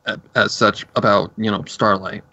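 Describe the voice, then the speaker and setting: A man's voice: on the low side, fairly even intonation, moderate pace, sharp tone, no echo. A man chatting casually in commentary, explaining plot details at length. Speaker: co-host reviewing a cartoon episode. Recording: dull lo-fi recording.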